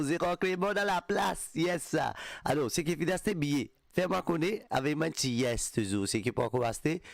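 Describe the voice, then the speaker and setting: A man from Mauritius hosting a live radio music show, giving lively shout-outs to listeners and drifting between languages. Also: mid-range voice, gravelly, no echo, clean studio sound.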